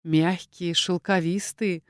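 A woman voicing a sardonic male dragon inquisitor who speaks in a slow, low, mocking drawl. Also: lively intonation, a little mellow, no room sound, studio quality, lightly acted. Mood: sarcastic.

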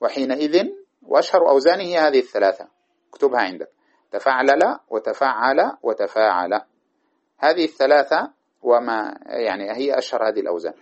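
Male teacher, mid-pitched, patient and methodical, reciting verses and drilling examples; dull lo-fi take. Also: very animated. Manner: recites verse lines and repeats examples slowly. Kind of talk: classical grammar lesson. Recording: dull lo-fi recording.

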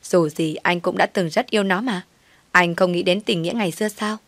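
A woman voicing a fussy middle-aged mother-in-law who scolds in a shrill, bossy way. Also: a little fast, fairly bright tone, no echo, close to an everyday voice. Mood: scolding.

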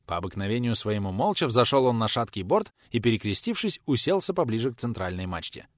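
Male audiobook narrator, mid pitch, animated delivery, dead-dry close recording. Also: fast talker, no room sound. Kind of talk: scripted narration.

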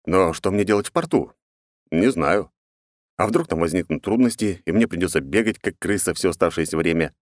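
A man narrating a first-person audiobook in a sardonic, deadpan manner. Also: deep voice, brisk, no room sound, clean studio sound.

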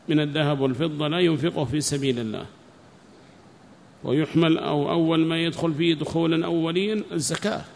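A man teaching a religious text, reading each phrase and then repeating it slowly with explanations. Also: fairly high pitch, creaky, slight background noise. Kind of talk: classical text lesson with commentary. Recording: long reverb.

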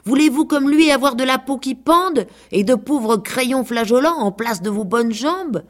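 A woman's voice: sits high, lively intonation, unhurried, voice pushed up. A woman doing a preening, lecturing peahen. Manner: lecturing, earnest. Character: wise, preening female peacock giving lessons.

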